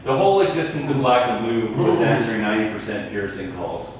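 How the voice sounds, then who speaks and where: A man, a fellow tattoo artist, asking questions in a halting way with many ums and uhs during a casual chat over pool. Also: fairly low pitch. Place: indoors at a pool table. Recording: echoey room, distant mic, faint background noise.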